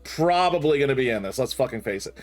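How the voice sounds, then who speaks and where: A man hosting a gaming reaction video, a mid-pitched voice that jumps up when something excites him. He swears freely and talks over the clip he is watching. The delivery stays casual and loose. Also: fast, soft background music.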